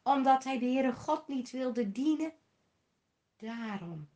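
A woman tells a Bible story to children, slow and emphatic. She poses questions and answers them herself. Her voice sits high and she lingers on the words. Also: expressive, warm tone.

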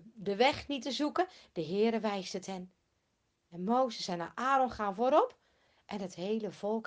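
A woman telling a Bible story to children, asking her young listeners questions as she goes. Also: on the high side.

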